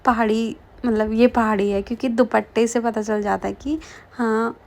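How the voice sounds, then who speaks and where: A young woman vlogger from the Kumaon hills of Uttarakhand chats casually through her narration, using lots of fillers and laughing as she tells her story. Her voice is a little high, with fairly even intonation and a normal pace.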